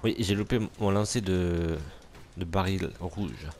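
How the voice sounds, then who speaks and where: A man's voice: sits low, fairly even intonation, measured pace, a little mellow. A man casually commentating a superhero video game, joking, swearing and talking back to enemies on screen. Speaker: gamer commentating gameplay. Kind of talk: let's play commentary.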